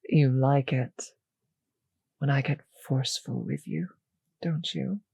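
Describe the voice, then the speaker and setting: In an intimate roleplay audio drama, a woman voices a possessive, teasing vampire mistress with an extremely low, warm, breathy voice that often drops to a whisper. She speaks slowly and condescendingly in a heavily acted performance, recorded dry in a clean studio.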